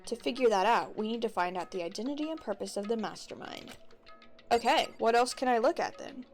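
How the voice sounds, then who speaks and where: A woman's voice: on the high side, animated, brisk. A woman streaming a video game, reading the dialogue aloud with playful voices and chatty asides. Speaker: let's play streamer. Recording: music behind.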